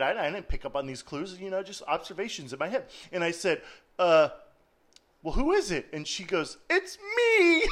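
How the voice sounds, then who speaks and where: A young man preaches with a slightly high voice that leaps up and down as he talks. He speaks slowly and deliberately, laughing often and sometimes sinking to a soft, quiet hush. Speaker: pastor. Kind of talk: sermon.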